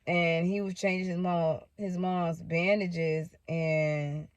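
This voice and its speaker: A woman's voice: lowish voice, level tone, slow, no room sound. Woman, casual storytime vlog, candid and profane, talks right to viewers, dry close sound. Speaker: storytime vlogger.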